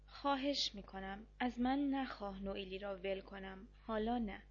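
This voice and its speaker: A woman's voice: mid-range voice, fairly even intonation, lo-fi sound, natural voice. A woman reading as a cold, defensive husband. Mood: soft pleading.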